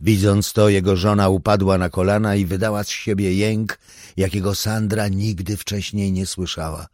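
A man reading a thriller audiobook in a measured, even storytelling manner. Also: sits low, no echo, clean studio sound. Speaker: audiobook narrator. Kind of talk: scripted thriller narration.

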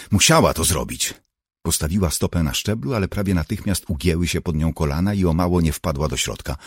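Deep husky male audiobook narrator. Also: no room sound, clean studio sound. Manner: measured storytelling. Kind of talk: scripted narration.

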